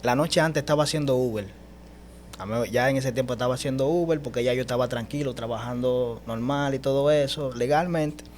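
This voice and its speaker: A man's voice: medium pitch, fairly quick, darkish tone. Guy telling his testimony, emphatic, keeps saying brother, faint hum behind. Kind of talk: animated personal testimony.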